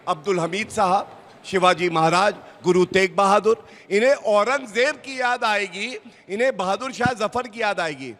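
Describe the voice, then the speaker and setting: A man's voice: high-pitched, normal speed, a bit bright, long reverb tail. A man arguing insistently and combatively as a panelist on a televised political debate. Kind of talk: heated TV debate argument.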